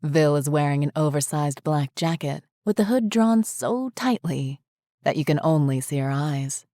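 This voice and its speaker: A woman narrating a horror short story in a measured, descriptive way. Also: sits low, animated, mellow, no echo, clean studio sound.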